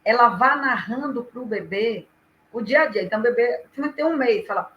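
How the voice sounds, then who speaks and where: A woman with a Brazilian Portuguese accent, an educator talking on a live stream and explaining things in an animated way. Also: a little high, moderate pace, dull audio, a little hiss or hum. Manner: animated, acts out quoted speech vividly.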